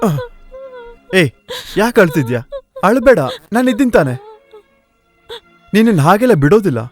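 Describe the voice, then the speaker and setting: A bold young hero, pitched a little high and very lively in his inflection. He sounds defiant and protective, with film music faint behind him. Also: moderate pace. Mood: reassuring. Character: bold young man defying a rival. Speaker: hero, the cousin in love. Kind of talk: Kannada film dub.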